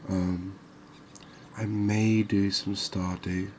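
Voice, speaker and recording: A gaming video host softly narrates his gameplay, soothing and in no hurry, in the manner of ASMR. His deep voice is very flat and his phrases run long and slow, with faint ambient noise underneath.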